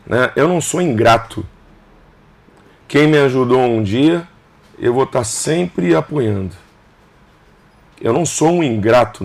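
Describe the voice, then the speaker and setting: A man's voice: mid-range voice, gravelly, darkish tone. A man in his fifties, a governor being interviewed on a casual podcast, who speaks emphatically in short clauses and repeats phrases. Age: 50s.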